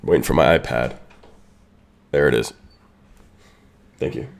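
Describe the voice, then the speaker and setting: Sick with a sinus infection, this watch-party streamer talks to his chat and welcomes viewers by name as he gets set up. His voice is extremely low and a little slow, with vocal fry and a congested sound. An echo comes from stream audio left unmuted.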